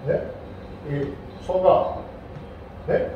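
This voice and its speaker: An older Buddhist monk gives a playful Dharma lecture, drawing out his words and repeatedly prompting the congregation with questions. He is far from the mic in a very echoey hall, and the recording is muffled with a noisy background.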